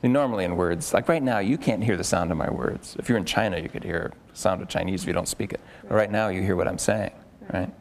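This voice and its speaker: A man working as a therapist in a live demonstration before a group, coaching a client with quick probing questions and repeated words. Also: deep voice, vocal fry, slight background noise. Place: room with an onlooking group.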